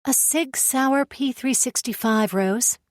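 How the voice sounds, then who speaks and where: A woman's voice: sits high, slow, no room sound, studio quality, voice pushed up. A woman narrator voicing a guarded, secretive young woman who gives short, evasive answers in an audiobook. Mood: polite. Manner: terse, evasive replies.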